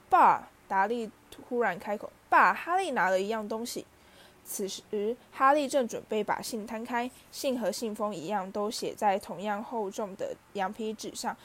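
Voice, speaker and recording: A woman reading a children's novel aloud, narrating steadily and expressively. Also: medium pitch. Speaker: audiobook reader.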